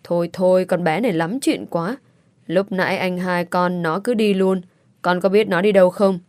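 A stern older father who grumbles and scolds but has a soft heart, as a woman reads him in a storybook. The voice sits a little low and sounds dry and close, with a gruff, scolding manner. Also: normal speed, dry recording, natural voice.

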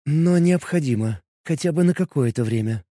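A man reading an audiobook, voicing a serious young woman who speaks slowly and deliberately. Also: a little high, animated, dark tone, no room sound, studio quality, voice pushed up. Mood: pensive. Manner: slow, deliberate, pensive.

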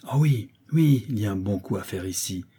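A brutal blind old brigand, played by a man in a storybook reading. His low, dark voice growls with bitter menace and a husky grain. He sounds worn down and full of hatred. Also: animated, moderate pace. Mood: vengeful.

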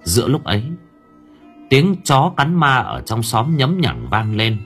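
A man narrating a story with lively, expressive storytelling. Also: mid-range voice, a little slow, slightly rough, soft background music. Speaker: audiobook narrator.

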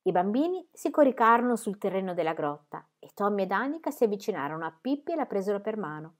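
A woman reading a children's book aloud in a measured, expressive storybook narration. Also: mid-range voice.

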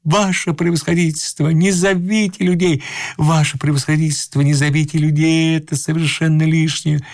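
A man voicing a panicked gentleman caught under a bed, pleading and sobbing as he explains himself. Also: low-pitched, brisk, no room sound, clean studio sound.

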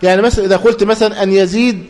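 A man with an Egyptian Arabic accent teaching a class, repeating points and pausing so students can finish his sentences. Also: high-pitched, steady tone, darkish tone. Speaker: teacher of hadith terminology. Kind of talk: classroom lecture with call-and-response questions.

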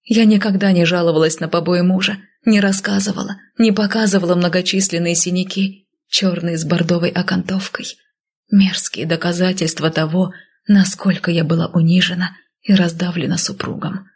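Female audiobook narrator, first person, low husky gravelly voice, hushed and intimate. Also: little pitch movement, moderate pace.

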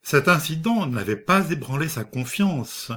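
A man reading a short story aloud as narrator, in a slow, measured way. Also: fairly high pitch, very animated, bright, forceful tone. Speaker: audiobook reader.

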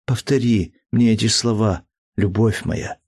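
A man's voice: lowish voice, a little slow, gravelly, darkish tone, slightly rough, heavily acted. A man reading an audiobook, voicing a tender, playful young woman in love in a raised, breathless voice.

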